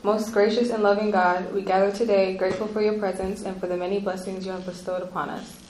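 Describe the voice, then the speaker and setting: A teenage girl, a high school student, earnestly reading an opening prayer. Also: fast, roomy sound, slight background noise, poor audio. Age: teens. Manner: earnest, careful, even reading. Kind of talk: read prayer.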